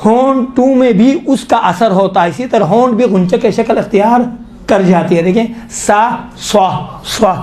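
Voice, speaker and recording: Guy with a high voice and pakistani urdu accent doing a tajweed lesson, draws out and repeats syllables. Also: darkish tone. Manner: demonstrates sounds slowly, repeating syllables. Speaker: Quran recitation teacher.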